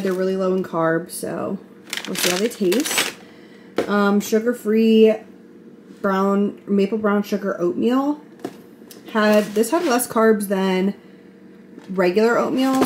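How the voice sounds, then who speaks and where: Holding the camera herself, an American vlogger in her 20s talks casually with her audience indoors at home, in the kitchen and living room. She has a mid-range, darkish voice, and household sounds come through clearly.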